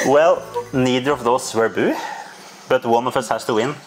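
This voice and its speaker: A man hosting a casual video game session, playful and quick to laugh. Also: mid-range voice, music in the background, poor audio. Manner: playful, laughs often, slips into silly voices. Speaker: gaming channel host. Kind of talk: casual gameplay chat.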